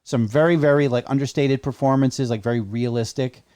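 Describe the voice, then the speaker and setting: A man's voice: medium pitch, steady tone, fairly quick, a little mellow. A man co-hosting a podcast in casual chat, joking around, with lots of fillers like "like" and "you know.". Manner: chatty, jokey, many fillers. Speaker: podcast co-host.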